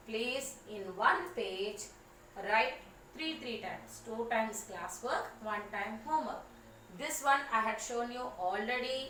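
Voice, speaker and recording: A woman's voice: high-pitched, a bit bright, slight background noise. A female teacher, patiently teaching young children, repeating and spelling words out one by one. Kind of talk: online class lesson. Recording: echoey room, far from mic, faint ambience.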